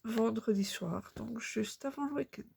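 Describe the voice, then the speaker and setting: A woman in her thirties chatting casually while she stitches, unhurried and full of fillers. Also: fairly high pitch, gravelly, a little mellow, a little hiss or hum. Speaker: cross-stitch vlogger.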